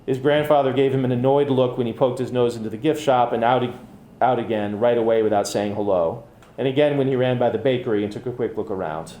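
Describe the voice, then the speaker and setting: A man, an author, reading his own fiction aloud at a public reading with measured, even storytelling. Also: mid-range voice, echoey room, a little hiss or hum. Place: bookcafe reading event.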